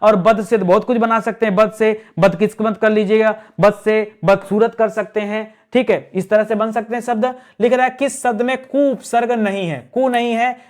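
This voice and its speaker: A man's voice: high voice, steady tone, normal speed, hardly any pauses. A man teaching an exam-prep grammar lesson, working through quiz answers and repeating key words as he explains.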